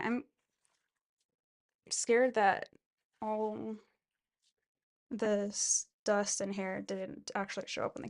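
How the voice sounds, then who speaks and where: A woman talks with a heavy creak in her voice, at a relaxed, slightly slow pace. She rambles and thinks aloud as she films a casual vlog of herself doing chores. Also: medium pitch. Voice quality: gravelly vocal fry. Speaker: vlogger. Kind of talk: casual, rambling self-filmed chat while cleaning.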